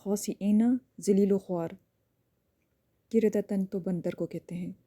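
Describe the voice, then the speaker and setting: A woman gives a recorded lesson in a very dark, mellow voice. She walks through each point step by step and keeps checking in with a short "okay" before moving on. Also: mid-range voice, fairly even intonation. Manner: explains step by step, often checks with a quick "ठीक है". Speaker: teacher.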